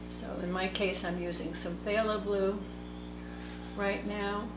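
A woman teaching watercolor, thinking aloud slowly as she paints at a table. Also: mid-range voice, flat delivery, background noise. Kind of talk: unscripted painting tutorial narration. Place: indoor table workspace. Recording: echoey room with background music. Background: soft instrumental music.

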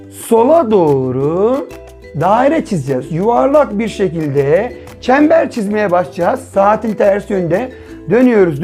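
A man's voice: sits high, a little mellow. Man teaching young children patiently. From Turkey. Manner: patient, asks and answers his own questions. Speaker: primary school teacher. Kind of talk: children's literacy lesson.

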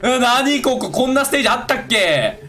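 An excitable man giving casual let's-play commentary, talking to himself as he plays. His voice is bright and lively, swinging widely in pitch at a quick clip, with faint game music behind him. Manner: excitable, talks to himself while playing. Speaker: gaming YouTuber.

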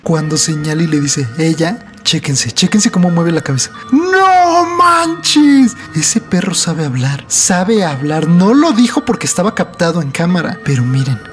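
A man's voice: on the high side, expressive, normal speed, hardly any pauses. A man hosting a comedic reaction vlog, playful and dramatically mock-frightened. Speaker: YouTuber host. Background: background music.

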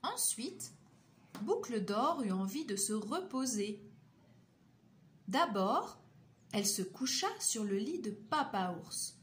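A woman reading a children's picture book aloud as a storyteller, expressive and lilting. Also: mid-range voice, slow pace, slight background noise.

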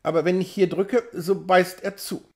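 A man's voice: high-pitched, steady tone, moderate pace. A man reading an audiobook, voicing a brash, cynical young male patient with a nonchalant, mocking drawl. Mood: boastful.

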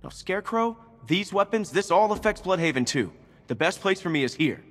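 A man's voice: high-pitched, lively intonation, brisk, fairly bright tone, big-room sound. An actor playing Nightwing, an earnest, insistent young male hero in a video game.

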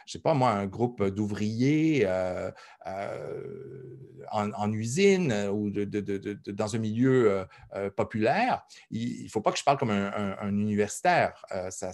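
Man, university lecture, low voice, halting delivery full of fillers. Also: darkish tone. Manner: hesitant, many fillers and repeated words; conversational, thinks aloud. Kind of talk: recorded lecture.

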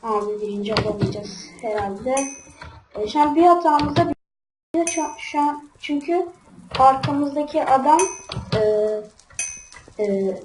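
High-voiced woman grumbling through a game. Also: animated, a little slow, long pauses, music in the background. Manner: grumbling, easily frustrated, talks straight to viewers. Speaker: gaming channel host. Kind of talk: casual let's-play commentary. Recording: roomy, distant mic with background noise.

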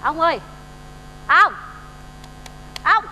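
A woman's voice: very high voice, expressive, very slow, bright, forceful tone, highs cut off, slight background noise, heavily acted. A woman with a Southern Vietnamese accent playing a forgetful, fussy old mother in a stage comedy sketch, talking in a flustered, scatterbrained and doting way. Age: older. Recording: reverberant stage with faint music.

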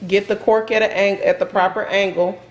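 A woman chatting casually as she explains a home how-to while filming on a phone in a kitchen, talking nervously and excitably. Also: medium pitch, brisk, highs cut off. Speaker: vlogger, narrator of the demo. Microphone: handheld phone camera. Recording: echoey kitchen, faint noise.

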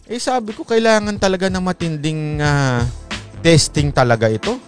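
A man with a slightly raised voice rambles through casual commentary, peppering his talk with polite little asides and chuckling at his own remarks. Soft music plays faintly underneath him. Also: on the high side, moderate pace.

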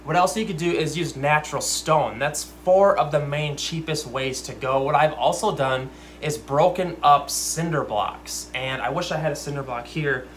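A man's voice: a little high, normal speed, fairly bright tone, a little hiss or hum. A young man hosting an aquarium channel, chatting casually and rambling into ranty, self-aware asides while reading viewer comments. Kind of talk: casual livestream chat. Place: fish room with lit aquariums, indoors. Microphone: desk camera at close range.

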